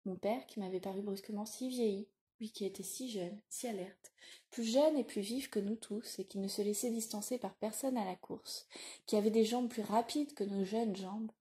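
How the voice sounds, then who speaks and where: Woman audiobook narrator, measured and reflective, mellow warm timbre. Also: medium pitch.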